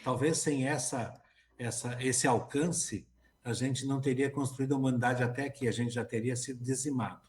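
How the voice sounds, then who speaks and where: A man joins a radio talk as co-host and speaks calmly in measured phrases. His voice is mid-pitched. The sound carries a noticeable room echo. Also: slight background noise. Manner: calm, agreeable, measured remarks. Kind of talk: casual radio conversation.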